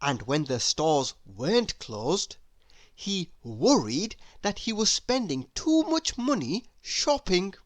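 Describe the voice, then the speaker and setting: In a fairly low voice, a woman tells a children's story with deliberate, expressive delivery. The recording is dry.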